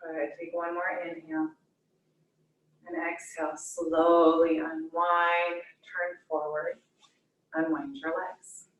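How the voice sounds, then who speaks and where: A woman yoga teacher guiding a class in a soothing, unhurried manner, with gently inviting cues and pauses between them. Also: low voice, little pitch movement. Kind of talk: guided hatha yoga instruction. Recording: echoey room, distant microphone.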